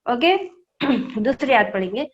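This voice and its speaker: Woman, Quran reading teacher, raised pitch, spells letters slowly, asks and answers herself, lo-fi online class sound. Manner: spells words out letter by letter, slow and drawn out. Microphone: online call microphone. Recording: dull lo-fi video call audio.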